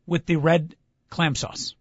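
A man's voice: on the high side, flat delivery, takes it slowly, slightly rough. A man hosting sports talk radio with casual banter, rambling along in a wry, joking way. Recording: dull, band-limited radio audio.

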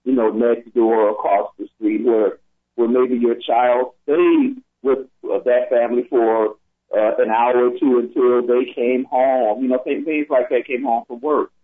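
A man's voice: mid-range voice, steady tone, measured pace. A middle-aged man, a therapist on a talk broadcast, speaking hesitantly and often repeating his words. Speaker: therapist guest. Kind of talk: casual conversation. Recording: tinny phone line.

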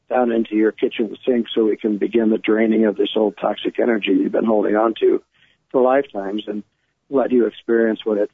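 A man's low, husky voice comes through a thin, phone-like connection. He guides a meditation in simple, repeated instructions, explaining things casually as he goes. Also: no room sound. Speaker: guest energy healer leading a guided relaxation. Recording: thin, phone-like narrow-band sound.

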